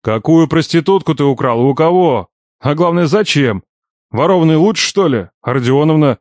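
A man reading an audiobook, voicing a gruff middle-aged boss who grumbles and scolds his nephew. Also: a little high, lively intonation, normal speed, darkish tone, dry recording, clean studio sound, natural voice. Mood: grumbling. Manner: grumbling, bossy, teasing. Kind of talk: audiobook character voice.

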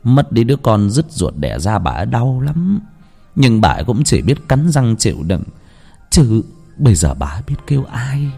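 A man tells a ghost story in a dramatic, drawn-out style. His voice swings widely in pitch at a middle register. Faint music plays behind him. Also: vocal fry, breathy edge. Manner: expressive, drawn-out storyteller delivery.

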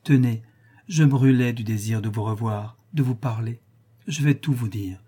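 A man voicing a passionate, impulsive young countess, pleading and effusive, his voice lifted higher. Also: moderate pace, mellow, slightly rough, lightly acted.

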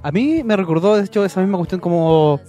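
Young man, Chilean accent, somewhat high voice, radio co-host, relaxed, faint music behind. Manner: relaxed, agreeable, quick interjections. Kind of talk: casual radio chat about music. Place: radio studio.

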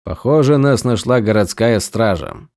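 Brief: man reading a calm, wry male mercenary, lively dry irony. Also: on the low side, moderate pace, creaky, no room sound.

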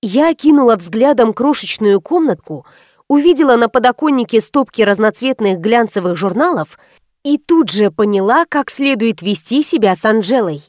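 A woman narrating a first-person detective story in a lively, wry storytelling manner, close to the mic. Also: fairly high pitch, moderate pace, no room sound. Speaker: audiobook narrator.

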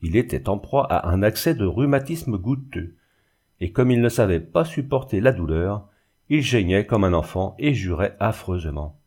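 A man narrating a classic novel in a measured, even reading. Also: lowish voice, breathy edge. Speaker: audiobook narrator. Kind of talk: scripted literary narration.

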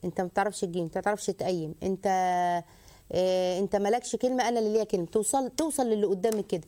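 A woman hosting a call-in advice show, lecturing briskly and acting out bits of dialogue. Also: medium pitch, warm tone.

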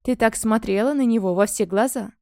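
A woman's voice: fairly high pitch, a little fast, a little mellow, no echo, clean studio sound, natural voice. A woman voicing a scheming young noblewoman in a storybook, pushy and insinuating. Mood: coaxing.

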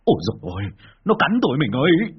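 A man voicing a frightened, weary older village father with a low husky voice. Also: lively intonation, a little fast, highs cut off, full character voice. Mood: crying out.

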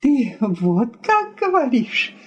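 A woman's voice: very high-pitched, animated, unhurried, darkish tone, muffled recording, pitched above the performer's own voice. A woman reading aloud, voicing an indignant, tearful middle-aged wife who complains shrilly.

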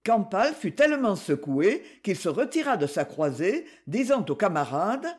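Expressive man reading a novel aloud. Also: high voice, normal speed, breathy edge. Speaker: reader. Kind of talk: audiobook narration.

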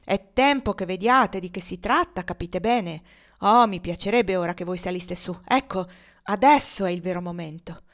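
A woman reading the part of a calm, cunning enslaved woman who speaks with icy mockery. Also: fairly low pitch, natural voice. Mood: sly taunting. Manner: icy and mocking, slow and quiet.

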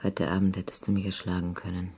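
An actress in a radio play voicing a weary older woman who is remorseful, speaking in a hushed, broken way and often whispering. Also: very deep voice, completely flat delivery, fast talker, slightly rough. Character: weary older woman, remorseful, letting her young lover go.

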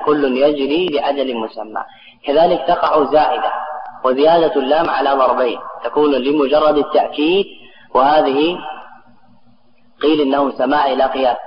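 A man giving a classroom grammar lesson to students, explaining step by step and putting questions to the class. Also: medium pitch. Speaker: grammar teacher. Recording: echoey, dull lo-fi recording with a crowd behind.

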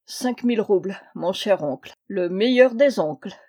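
A charming young rogue of a nephew who coaxes and flatters his rich uncle, as a woman reads him in an audiobook. His voice sounds mellow and warm, lifted with eager charm. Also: medium pitch, normal speed, husky. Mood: wheedling. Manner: wheedling, coaxing. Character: charming, roguish young male diplomat nephew. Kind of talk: audiobook reading.

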